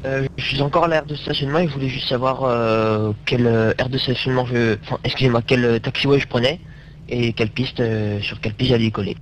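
A man's voice: medium pitch, fairly even intonation, fast talker. A man calling the tower as a pilot over a headset radio, hesitant and apologetic. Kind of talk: radio call. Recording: dull radio link with faint hum.

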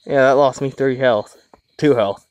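A man hosting a gaming channel, giving casual co-op play commentary with goofy, excitable chatter and crude jokes. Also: mid-range voice, measured pace.

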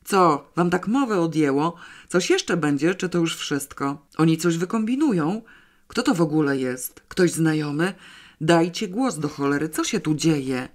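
A man's voice: a little high, animated, unhurried. Brief: irritable male critic, exasperated questions, read by a narrator. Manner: demanding, exasperated.

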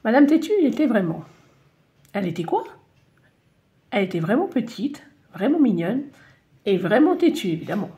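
Animated woman reading a children's story. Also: mid-range voice, moderate pace, long pauses, highs cut off. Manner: animated, playful.

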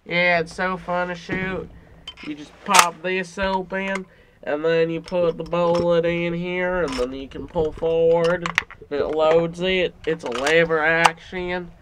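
A man's voice: fairly high pitch, fairly even intonation, slow, noisy background. A man casually and eagerly explaining how his rifle works, to friends. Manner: enthusiastic, explaining gear casually. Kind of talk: casual chat.

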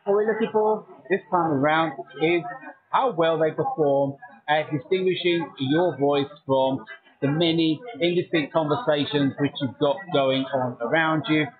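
A man's voice: on the high side, a little slow, slightly rough. A man speaks in a slightly raised register. He talks in a loose, chatty way, and he often thinks aloud. His voice comes through a bluetooth earbud mic, so it sounds thin and phone-like. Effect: heard through a bluetooth earbud mic on a call. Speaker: tech reviewer. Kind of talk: casual product review talk. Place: busy coffee shop, indoors.

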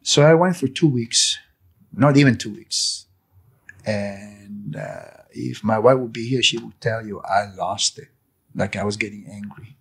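A man who owns a cafe gives an emotional personal testimony in an interview. He has a husky voice, restarts and repeats words, and turns loud and indignant as he goes on. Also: fairly low pitch, a little slow. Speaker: cafe owner, interview guest.

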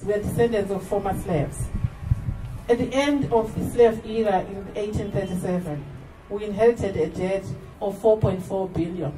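A woman's voice: mid-range voice, normal speed, over music. A woman from Barbados speaking plainly and personally to a crowd outdoors. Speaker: tour speaker. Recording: echoey, distant outdoor recording with noise.

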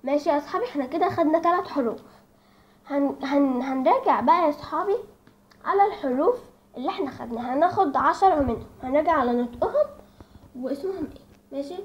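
A woman with an Egyptian accent gives an informal lesson, hesitating often and filling pauses while she speaks to viewers as friends. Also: high-pitched, expressive. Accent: Egyptian Arabic. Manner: hesitant, with many fillers, addresses viewers as friends. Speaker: church lesson presenter. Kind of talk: informal teaching. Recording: dull lo-fi recording.

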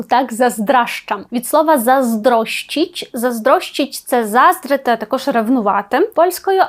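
High-voiced woman explaining slang casually. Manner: chatty, explains with quick examples and asides. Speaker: Polish language teacher.

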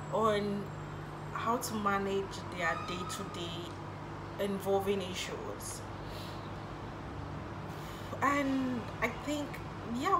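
With a mid-range voice over a noisy background, a young adult Nigerian-accented woman who grew up speaking Igbo casually answers get-to-know-me questions, laughing a bit as she goes. She's a YouTuber filming in her bedroom, the camera in front of her at desk distance.

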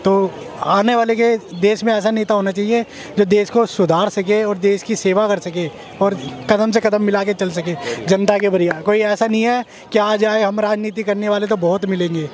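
Young man, high steady monotone, earnest street interviewee. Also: moderate pace, few pauses, crowd noise. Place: outdoors at a busy monument plaza. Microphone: handheld mic held by interviewer.

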